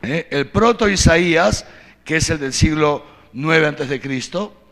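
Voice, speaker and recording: A man giving a catechesis talk, telling Bible stories with lively acted-out quotes and frequent tag questions. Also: on the high side, slow pace. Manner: animated storytelling, acting out biblical quotes. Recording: long hall reverb.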